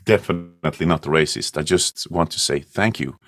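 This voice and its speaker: A man, a band's vocalist, talking casually in an interview, halting and repeating words and laughing easily. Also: very deep voice, fairly bright tone. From Sweden. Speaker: band vocalist.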